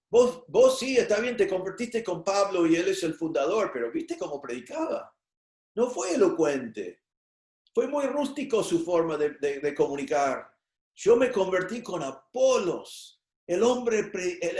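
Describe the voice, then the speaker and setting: A male pastor preaching a sermon in an animated way, acting out the voices of the people he quotes. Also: on the high side, roomy sound. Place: church.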